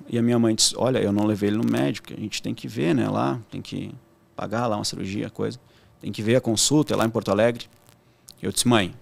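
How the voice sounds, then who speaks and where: A man's voice: medium pitch, vocal fry. A young man with a southern Brazilian accent, a podcast guest telling a story casually and acting out the voices of the people in it. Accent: southern Brazilian, Rio Grande do Sul. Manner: animated storyteller acting out quoted dialogue.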